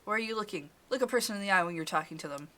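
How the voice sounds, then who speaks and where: A woman's voice: mid-range voice, lively intonation, rapid-fire, sharp tone, voice pushed up. A woman voicing a stern older woman who harshly scolds a kneeling girl. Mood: scolding. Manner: condescending, harsh and demanding.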